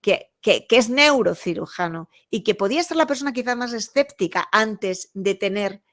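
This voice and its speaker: Woman interviewer, mid pitch, asks long rambly questions with lots of uh's. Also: animated, moderate pace. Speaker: interview host. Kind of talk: conversational interview.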